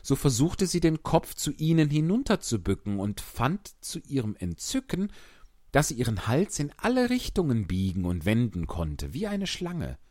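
A man reads a children's story aloud with expressive, animated narration. His voice moves a lot in pitch as he tells it. The recording is dry and close, with no room sound. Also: normal speed, no echo. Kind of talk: storybook reading.

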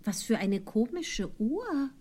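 A woman's voice: fairly high pitch, very animated, slow pace, mellow, husky, exaggerated voice. A woman playing a polite, puzzled young girl in an audiobook reading, speaking carefully.

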